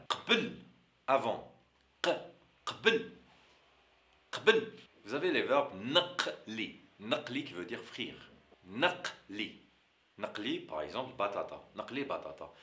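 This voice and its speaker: Lively, bright-voiced teacher. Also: male voice, mid-range voice, echoey room. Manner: repeats sounds and words slowly for learners. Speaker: Algerian Arabic teacher. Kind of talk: pronunciation lesson.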